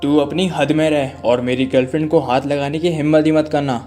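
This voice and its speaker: A man's voice: fairly high pitch, level tone, fairly quick, a little mellow, soft background music, natural voice. A man reading the lines of a jealous young man who threatens a rival, in his own plain voice. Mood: threatening.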